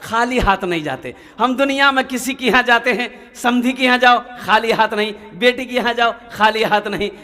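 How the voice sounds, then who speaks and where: A man's voice: extremely high pitch, normal speed, hardly any pauses, pushed and bright. A male Islamic preacher from Kolkata, giving a sermon full of humorous anecdotes and repeated refrains addressed to the young. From Kolkata, India. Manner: storytelling, repeating refrains, addressing youths directly.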